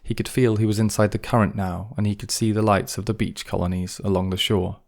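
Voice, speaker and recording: A man reading an audiobook with calm, even scripted narration. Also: on the low side, a little fast, gravelly.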